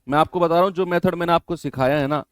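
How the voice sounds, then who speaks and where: A man teaching an online exam-prep maths lesson, explaining each step and repeating key phrases while gently scolding his students. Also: a little high, fast talker, clean tone, dry recording, studio quality.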